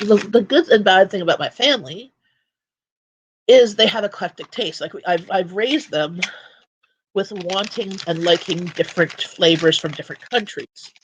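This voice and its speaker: A woman hosts a relaxed livestream chat from her home. She talks in a loose, rambling way and often backs up to restart her sentences. There is a faint hiss of background noise under her voice. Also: mid-range voice, highs cut off. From Canada. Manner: rambling and chatty, with frequent restarts. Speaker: livestream host. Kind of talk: casual chat.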